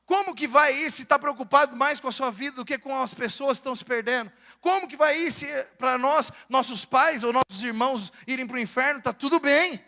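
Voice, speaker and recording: A man's voice: very high voice, fairly quick, few pauses, bright, forceful tone. A man with a Brazilian Portuguese accent preaching a sermon as pastor, building to fervent emphasis. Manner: preaching with rising fervor. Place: church sanctuary. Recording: long church hall reverb.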